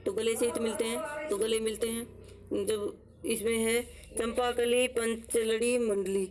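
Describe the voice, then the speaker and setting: Steady, flat-toned woman teaching memory tricks. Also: on the high side, rough recording. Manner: explains slowly with rhetorical questions and answers; repeats words to drill them. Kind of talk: exam-prep lesson with memory tricks.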